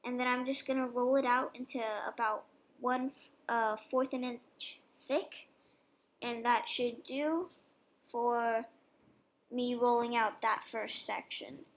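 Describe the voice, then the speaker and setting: Slow and a little high-voiced, a young woman vlogger casually narrates her dog-treat baking, chatting easily as she explains each stage of the process.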